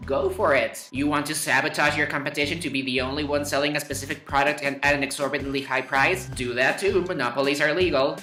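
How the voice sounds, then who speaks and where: The host of a history explainer, a man with a fairly high pitch and sharp tone, narrates a scripted lesson full of wry, playful asides and stretched words. Faint music plays behind him in a roomy, echoing space.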